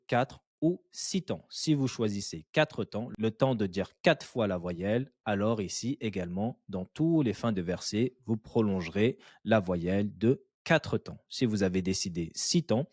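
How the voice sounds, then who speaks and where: A man's voice: lowish voice, expressive, darkish tone, no echo, clean studio sound. A man teaching Quran recitation step by step, patiently repeating syllables and encouraging the learner. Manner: patient, drills syllables slowly and repeats them; encouraging, praises the learner often. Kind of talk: step-by-step tajwid lesson.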